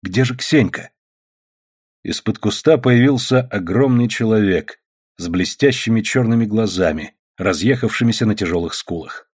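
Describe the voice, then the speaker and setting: A man narrating a novel aloud in a steady, even storytelling manner. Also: lowish voice, normal speed, breathy edge.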